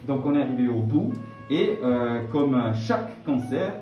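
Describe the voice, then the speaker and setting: A man hosting an interview, announcing the questions in a lively way. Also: medium pitch, measured pace, recorded from a distance. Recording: echoey dull recording from off-mic with faint music.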